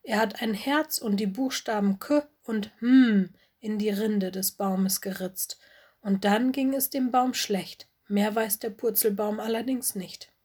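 A woman reading a storybook aloud and voicing a cheerful magical tree-spring that bubbles and talks about itself in the third person, slow and a little husky. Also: mid-range voice, a little mellow. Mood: bubbly.

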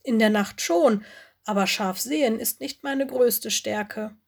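A woman voicing Lola, a bold and curious young female forest animal who talks in a lively, daring way in a storybook reading. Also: a little high, takes it slowly, creaky, exaggerated voice. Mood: cheerful.

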